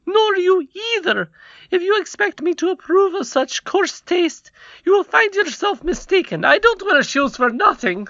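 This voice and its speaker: A man voicing a vain, spiteful goblin queen in a storybook reading, with a shrill, scornful high voice. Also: a little slow, few pauses, a bit bright, no echo, lo-fi sound, heavily acted. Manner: scornful, indignant.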